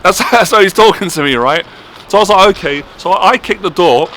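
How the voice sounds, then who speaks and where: A man tells a story from his own life in a loose, chatty monologue, often tossing in "right?". His voice sits a little high and sounds bright and forward. A faint hum of traffic comes from outdoors. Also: expressive, a little fast. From Ireland. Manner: chatty, keeps asking "right?". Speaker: vlogger sharing a personal story.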